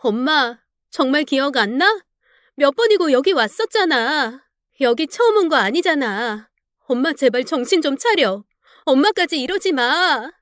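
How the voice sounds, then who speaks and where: A woman's voice: high voice, sing-song, measured pace, fairly bright tone, no room sound, studio quality, voice pushed up, exaggerated voice. A woman voicing a distraught young adult daughter who tearfully begs her mother in a dramatized story reading. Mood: begging. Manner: tearful, pleading.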